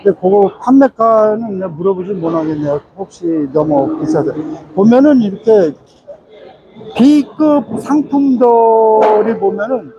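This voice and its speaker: A man's voice: high-pitched, expressive, measured pace. A man casually explaining crab prices while live-streaming on his phone from a busy indoor fish market. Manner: casual explanatory, talks over auction noise. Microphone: phone held while filming. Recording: muffled phone audio, loud crowd.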